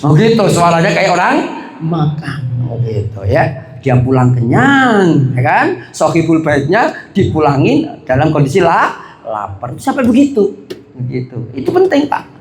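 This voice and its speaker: A man giving a religious lecture in a chatty, lively way, asking and answering his own questions. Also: on the high side, unhurried, roomy sound, a little hiss or hum. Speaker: preacher.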